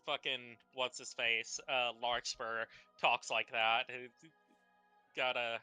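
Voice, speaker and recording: A man's voice: mid-range voice, flat delivery, slow, sharp tone, clean tone, faint music behind. A man as a player at a tabletop game, chatting casually and joking, laughing through his own bits.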